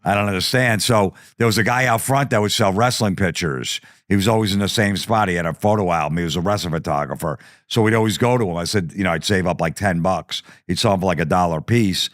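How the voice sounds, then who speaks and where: Low-voiced man telling a comic story. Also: quick pace, few pauses, no room sound, studio quality. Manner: animated, profane, acts out quoted voices. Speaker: podcast guest. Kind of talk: comedic storytelling.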